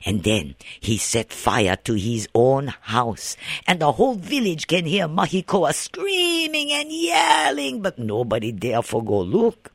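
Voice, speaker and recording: Man storyteller, Hawaiian Pidgin accent, gravelly, swinging pitch, dramatic. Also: big pitch swings, a little slow, hardly any pauses, dry recording. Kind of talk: spoken ghost story.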